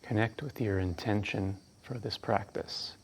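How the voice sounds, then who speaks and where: Slow, low-voiced man guiding meditation. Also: slight background noise. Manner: calm, hushed, unhurried with long pauses. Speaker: breathwork instructor. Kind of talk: guided meditation instruction.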